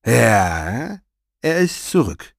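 A man plays a gloating, vain, scheming villain for a storybook reading, his velvety yet gravelly medium-pitched voice very animated and exaggerated. The delivery is mocking, drawn-out and theatrical, recorded at studio quality without echo.

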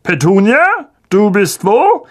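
A pompous, bossy uncle who lays down the law with great self-importance, played by a reader. He speaks slowly and weightily, his voice swooping up and down for effect. A storybook performance. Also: medium pitch, very animated.

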